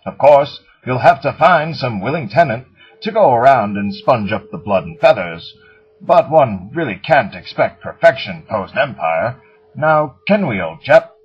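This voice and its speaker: A man putting on a plummy British pitchman. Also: animated, unhurried, breathy edge. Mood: jolly, smug. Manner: plummy, chummy sales patter. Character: posh male British pitchman, jolly and smug. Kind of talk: parody commercial. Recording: dull lo-fi recording.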